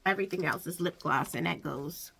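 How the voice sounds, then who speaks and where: A woman's voice: low voice, brisk, creaky, fairly bright tone, slightly rough. A woman talking casually to viewers as a beauty vlogger, rambling and thinking aloud as she corrects herself. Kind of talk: casual makeup stash chat to viewers. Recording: audible background noise.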